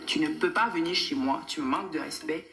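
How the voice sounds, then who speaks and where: A woman's voice: low voice, a little fast. A woman speaking firmly and indignantly in a reality show confessional interview. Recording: echoey room with background noise.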